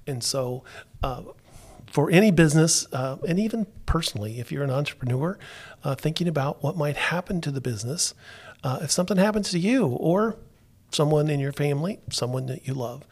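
A man's voice: on the high side, lively intonation, darkish tone. Podcast host, male, from Florida; easygoing chat with frequent "uh"s and restarts. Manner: unhurried, with many fillers and restarts. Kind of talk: casual talk-show chat.

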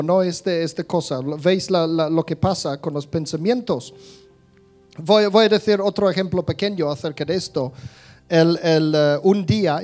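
A man with a notably high voice gives a relaxed, chatty talk to his listeners. He stumbles and restarts often and acts out small scenes as he goes. Faint music plays underneath. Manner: conversational, many restarts, acts out little scenes. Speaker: speaker giving a talk on thoughts and emotions. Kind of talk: casual spoken talk to an audience.

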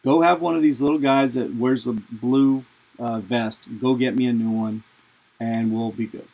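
A man putting on his pushy, foul-mouthed father with a Boston accent, gruff and sarcastic, in a told story. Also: medium pitch, steady tone, normal speed, darkish tone, rough recording. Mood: scheming.

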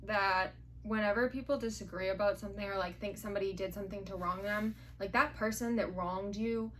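A young woman in casual chat, speaking in an earnest, reflective way with many "like" fillers. A faint background noise sits under her mid-pitched voice. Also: fairly even intonation, a little fast, fairly bright tone, low-quality recording.

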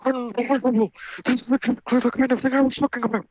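A man's voice: extremely high pitch, flat delivery, fast, a little mellow, dry recording. A man voicing a haughty rich teenage girl who lectures in a snooty tone. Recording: dull lo-fi mic.

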